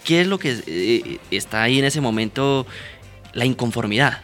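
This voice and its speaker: A man's voice: mid-range voice, expressive, normal speed, a bit bright, faint music behind. Earnest police mediator, man. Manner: earnest, explanatory, frequent "¿verdad?" and "¿sí?" tags. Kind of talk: radio interview answers.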